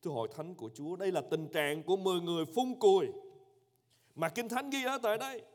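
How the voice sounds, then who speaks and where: A high-voiced male pastor delivering an emphatic sermon, dropping to hushed tones and rising to ringing cries. His voice trails a long reverb through the church hall. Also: expressive, quick pace. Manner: emphatic, swings between loud cries and hushed low lines.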